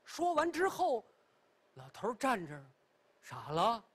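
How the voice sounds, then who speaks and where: A man's voice: unhurried, slightly rough. A man telling a traditional pingshu story on a television stage, leisurely with chatty asides. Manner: leisurely, chatty asides, wide expressive pitch.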